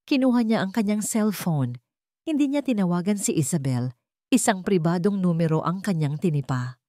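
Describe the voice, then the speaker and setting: With an expressive, warm tone, a Filipino woman with a lowish voice tells a dramatic love story, measured and full of feeling. It's captured close-up and dry, without room sound.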